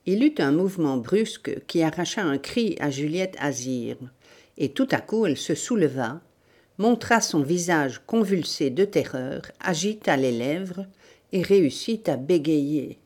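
A woman narrating a novel as an audiobook, in a measured, deliberate reading. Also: low voice, animated, darkish tone. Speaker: audiobook reader.

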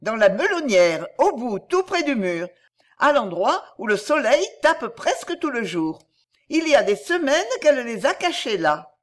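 A woman's voice: on the high side, big pitch swings, a little slow, pitched above the performer's own voice. A woman voicing a chirpy, simple-minded little male songbird who talks in a sing-song, boastful way in a storybook. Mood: eager.

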